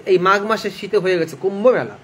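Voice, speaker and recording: A man who sings devotional hymns slowly and breaks off to explain them casually to listeners. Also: sits high, breathy edge. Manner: chants slowly, then explains casually to viewers. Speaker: devotional singer and reader. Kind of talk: sung hymn recitation with spoken commentary.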